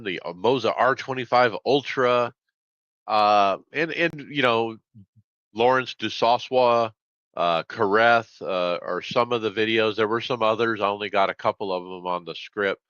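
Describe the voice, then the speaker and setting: A man's voice: on the low side, unhurried, fairly bright tone, no echo. A man co-hosting a podcast, chatty and opinionated, on dull lo-fi audio. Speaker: podcast co-host. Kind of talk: casual chat.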